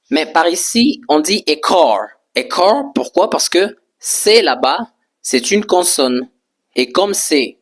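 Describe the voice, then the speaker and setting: Slow, patient French-speaking male teacher. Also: on the high side. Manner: slow, patient, repeats words and spells them out; frequent hesitations with "euh". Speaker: English teacher. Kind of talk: French-language English lesson at a whiteboard.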